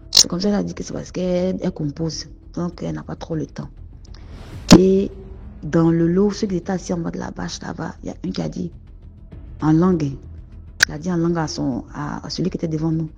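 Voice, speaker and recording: A woman's voice: low voice, vocal fry, dark tone. A woman with a Cameroonian French accent tells a personal story in a casual, rambling way, often restarting her sentences. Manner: conversational, rambling with restarts and addressing the host. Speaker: caller telling a personal story. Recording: muffled lo-fi audio with music behind. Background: faint background music.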